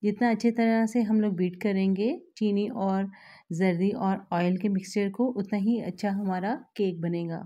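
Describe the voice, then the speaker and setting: A woman host, calmly explaining a recipe step by step to her viewers in a voice-over. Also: medium pitch. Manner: calm, instructive, addresses viewers directly. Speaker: cooking channel host.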